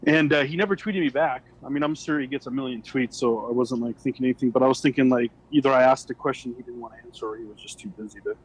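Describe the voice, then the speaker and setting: A man's voice: medium pitch, quick pace, few pauses, slightly rough, low-quality recording. A man co-hosting a casual gaming podcast, telling stories animatedly with many fillers. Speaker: podcast co-host.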